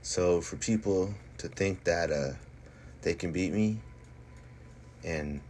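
A man's voice: low-pitched, takes it slowly, a little mellow. A man speaking off the cuff as a fighter on a casual stream, cocky and boastful, hammering his points with emphatic repetition and slangy swearing. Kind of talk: casual livestream monologue. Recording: noticeable background noise.

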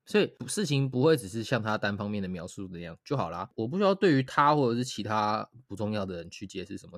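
A young man speaks quickly and bluntly on a casual podcast. He sounds offhand and unbothered. His voice comes across dry and close, with no room sound. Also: lowish voice, no room sound. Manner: blunt, nonchalant, quick replies. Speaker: podcast co-host.

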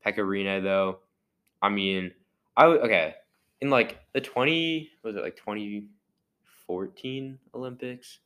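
A man's voice: on the low side, a little slow, bright, forceful tone, smooth. A young man co-hosting a casual sports podcast, talking loosely with many fillers and a mocking edge. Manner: rambling, filler-heavy, mocking. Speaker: podcast co-host. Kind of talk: casual chat.

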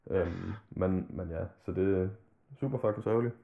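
Low-voiced man on a tinny line. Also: vocal fry. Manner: loose, rambling, swears freely. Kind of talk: casual chat about hip-hop.

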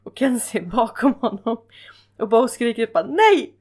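A woman in casual chat, telling a story in a lively, informal way. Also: fairly high pitch.

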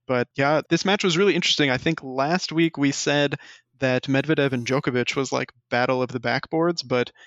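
A man co-hosting a casual sports podcast, loose and joking as he talks. His voice sits at a middle pitch. The sound is dry and a little dull, like a modest home mic. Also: fairly quick, a bit bright, no room sound. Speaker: podcast co-host.

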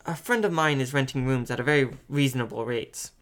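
A man's voice: mid-range voice, a little fast, fairly bright tone, lightly acted. A man reading as a careful woman teacher. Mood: cautious. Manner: cautious and businesslike.

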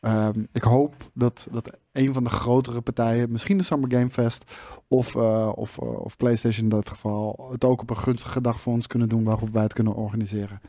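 A man co-hosting a gaming talk show in casual chat, upbeat and chatty, often pausing mid-sentence to find his words. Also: medium pitch, level tone, dark tone, no room sound, clean studio sound.

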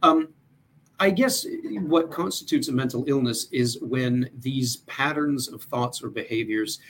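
A man's voice: mid-range voice, measured pace, a bit bright, a little hiss or hum. A man speaking as a mental health guest in a casual interview, earnest and thoughtful, with frequent fillers.

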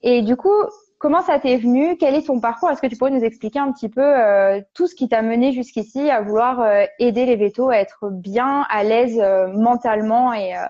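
A woman's voice: on the high side, normal speed, darkish tone. A woman hosting a podcast, asking rambling, meandering questions in casual conversation. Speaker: podcast host. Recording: muffled lo-fi recording.

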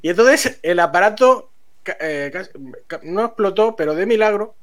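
A man tells a story to friends on a stream. He is animated and laughs often as the tale unfolds. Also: high voice, normal speed.

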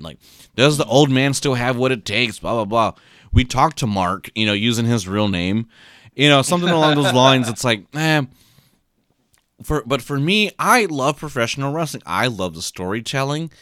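Over a podcast mic, a co-host with a medium-pitched, slightly bright voice chats casually in a dry, studio-quality recording. He's sleepy after a short night, so he rambles, restarting sentences and repeating words often.

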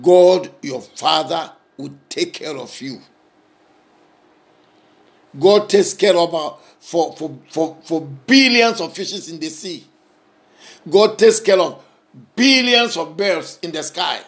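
A man preaching a sermon, emphatic and repetitive, swinging between raised passages and soft, intimate ones. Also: fairly high pitch, lively intonation, slow pace, long pauses.

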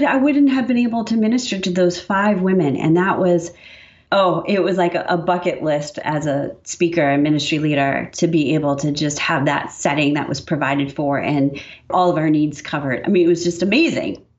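Low-voiced woman guest, dull sound. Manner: earnest, expressive, reflective. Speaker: podcast guest, author and speaker. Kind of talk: casual faith conversation.

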